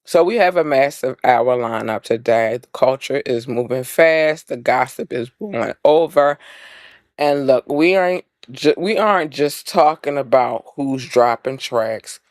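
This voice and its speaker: A woman's voice: a bass voice, animated, unhurried, a little mellow, no echo, clean studio sound. A woman hosting her own podcast in a casual solo chat. She is chatty, repeats her catchphrases and breaks off to fix her setup. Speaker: podcast host.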